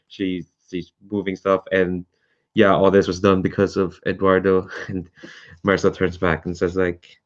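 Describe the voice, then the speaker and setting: A man's voice: low-pitched, completely flat delivery, a little slow. A man playing in a tabletop role-playing game, rambling and hesitant with many ums, on dull lo-fi online call audio. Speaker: player.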